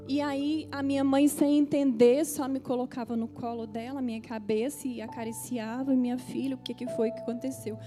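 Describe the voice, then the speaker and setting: A woman pastor with a Brazilian Portuguese accent preaches a testimony sermon, speaking directly and emotionally to the congregation as she tells her story. Her warm, high voice runs fairly quickly with fairly even intonation and almost no pauses, over faint background music.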